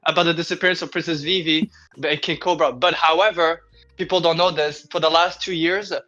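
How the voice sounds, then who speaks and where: A man with a French accent making an eager, stumbling sales pitch as a podcast co-host. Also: fairly even intonation, fairly quick, sharp tone, highs cut off, soft background music. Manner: eager, stumbling over restarts. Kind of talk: playful sales pitch in casual chat.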